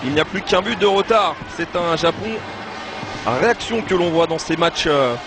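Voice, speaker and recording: A man giving live football match commentary, with excited exclamations when play heats up. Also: fairly high pitch, normal speed, music in the background. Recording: noisy live match broadcast.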